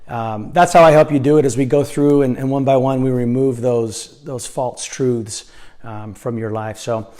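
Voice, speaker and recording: This life coach has a hoarse, mellow voice of medium pitch and talks earnestly at a moderate pace with a steady tone. Recorded indoors for a casual vlog, the room echoes slightly, and he often restarts or fills gaps.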